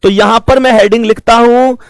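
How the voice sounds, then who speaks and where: A man teaching a math lesson, explaining slowly, repeating points and calling his students fondly. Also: extremely high pitch, fairly even intonation, clean tone, dry recording.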